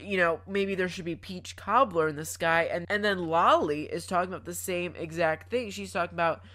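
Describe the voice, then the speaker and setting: A woman's voice: on the low side, normal speed, a bit bright. A young woman narrating her gameplay as a comic story, dramatic and mock-panicked, stumbling over her words. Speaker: gaming YouTuber.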